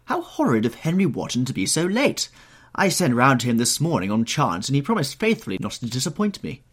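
A man's voice: on the low side, sing-song, a little fast, slightly rough, heavily acted. A man voicing a witty, teasing older society lady in an audiobook, exclamatory, arch and playfully scolding. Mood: mock indignant. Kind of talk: audiobook character voice.

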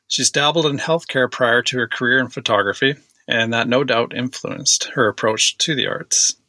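A man reading a scripted introduction for a podcast, enthusiastic and warm in praise. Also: medium pitch, moderate pace, no echo. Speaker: podcast announcer.

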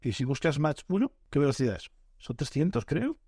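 A man's voice: a little high, sing-song, a little fast, mellow, breathy edge, no echo, studio quality. A man co-hosting a casual podcast, rambling with enthusiasm and swearing freely. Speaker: podcast co-host.

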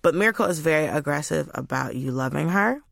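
Woman, casual chat, animated storytelling, bright tone, dry sound. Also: fast, gravelly, no room sound. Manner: animated storyteller, high squeaky voices for quotes. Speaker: guest.

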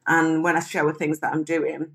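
A woman's voice: sits low, monotone, normal speed, vocal fry. A woman, an interview guest telling her life story frankly and chattily. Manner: frank, chatty, mimics people when quoting them. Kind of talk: candid personal storytelling.

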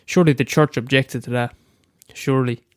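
After a hesitant and casual intro, a young Irishman with a head cold reads his own short story aloud as an amateur storyteller. He speaks fairly quickly in a mid-range voice with fairly even intonation and a clear, resonant tone, in a dry recording of studio quality.

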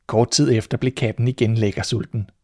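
A man reading a fairy tale aloud in a calm, measured storytelling voice as host of his podcast. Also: medium pitch, dry recording, studio quality.

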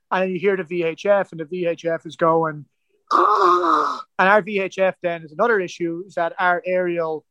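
Irish man with a high voice and a dry close sound, a guest telling a story in a loose, rambling way. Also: clear, resonant tone, no echo. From Ireland. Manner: rambling, full of "like" and "kinda" fillers. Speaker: guest, ocean rower. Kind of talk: casual storytelling interview.

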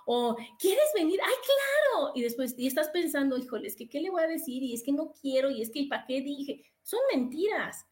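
A woman hosting a podcast, talking casually about self-acceptance in an expressive way, acting out little dialogues and repeating herself for emphasis. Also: sits high, a little fast, hardly any pauses. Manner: expressive, repetitive, acts out quoted dialogue. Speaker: podcast host. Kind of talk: casual self-help talk.

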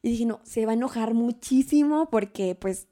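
A young woman tells a story in casual conversation. Her voice sits a little high, and she keeps it animated, laughing often and acting out what people said. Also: moderate pace. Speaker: guest.

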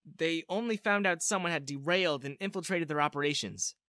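Here the narrator's natural, medium-pitched voice is brisk, pushed and bright, recorded clean in a studio with no room sound. In storybook dialogue it plays a determined, earnest Russian woman spy seeking shelter, businesslike and urgent, pleading with resolve.

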